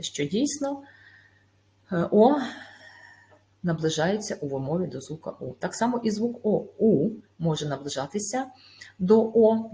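A woman teacher giving a recorded video lesson. She explains step by step in a measured way, with small hesitations. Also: lowish voice, mellow. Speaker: school teacher.

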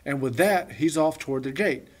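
Man reading a storybook, husky. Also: on the high side, moderate pace, darkish tone. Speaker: audiobook reader. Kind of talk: storybook narration.

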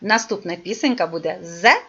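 A woman teaching a speech therapy lesson to young children, talking in a drawn-out, sing-song way. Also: fairly low pitch, animated, bright, forceful tone. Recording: dull lo-fi recording.

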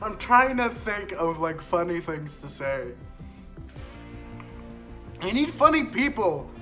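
A nervous, self-conscious man chatting through a gaming vlog. His bright voice swings widely in pitch, and he speaks slowly with plenty of hesitant giggles over faint background music. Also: sing-song. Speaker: YouTuber. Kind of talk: casual gaming vlog commentary.

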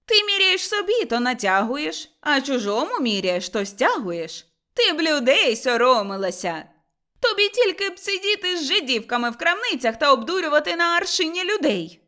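A woman's voice: high-pitched, wildly swooping pitch, slow, bright, forceful tone, voice pushed up, exaggerated voice. A woman voicing an indignant older peasant mother-in-law who shrieks her complaints. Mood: indignant shrieking.

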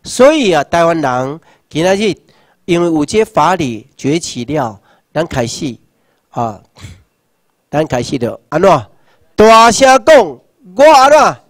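A Taiwanese man in his sixties gives a rousing political lecture. He asks rhetorical questions and shouts slogans. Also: fairly high pitch, expressive, a little slow, long pauses, dry recording, clean studio sound. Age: 60s. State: numb hands and feet. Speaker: seminar lecturer.

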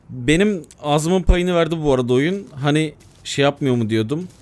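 A young man giving excitable let's-play commentary, muttering to himself and bursting into shouts. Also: medium pitch, a little hiss or hum. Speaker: gaming YouTuber.

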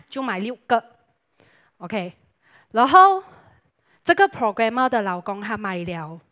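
A young woman preacher delivers a lively, joking sermon. Her voice sits a little high, and she talks in a chatty, playful way, mixing English words into her speech.

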